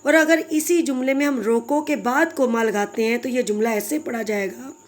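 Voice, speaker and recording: A patient woman with a somewhat high voice, speaking at normal speed, teaches a recorded grammar lesson for children. She explains things carefully and addresses her pupils fondly.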